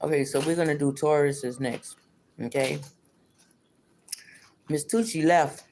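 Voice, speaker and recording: A woman's voice: low voice, fairly even intonation, measured pace, a little mellow. Toothless woman, chatty tarot reader, noisy stream. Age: middle-aged or older. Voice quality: toothless, slightly slushy articulation from missing teeth. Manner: repeats phrases over and over. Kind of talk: casual livestream tarot reading, chatty.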